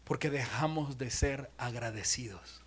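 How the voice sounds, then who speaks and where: A young man preaching a sermon as pastor, animated, acting out voices and dropping to near-whispers. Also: mid-range voice, measured pace, breathy edge.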